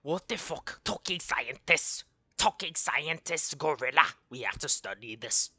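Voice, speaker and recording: A man voicing an astonished, gruff wartime German officer who exclaims in disbelief. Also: on the high side, lively intonation, a little slow, pushed and bright, dry recording, voice pushed up, exaggerated voice.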